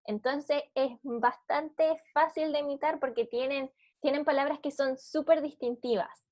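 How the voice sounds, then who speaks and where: A young Chilean woman, an English teacher, reading example sentences slowly in English and then explaining them quickly in Spanish in a recorded lesson. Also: sits high, steady tone, darkish tone.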